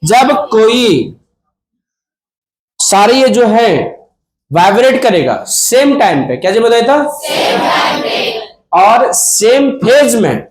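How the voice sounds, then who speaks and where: A man's voice: extremely high pitch, very animated, slow. A man teaching a physics class, asking the students questions, answering them himself and joking with them. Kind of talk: classroom lecture. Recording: echoey classroom with student crowd.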